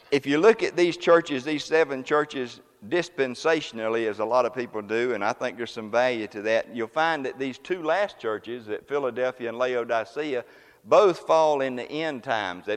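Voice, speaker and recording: A man's voice: medium pitch, moderate pace. Folksy preacher man in a reverberant church. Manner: folksy, conversational preaching with homespun examples. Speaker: pastor. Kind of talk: sermon. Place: church sanctuary.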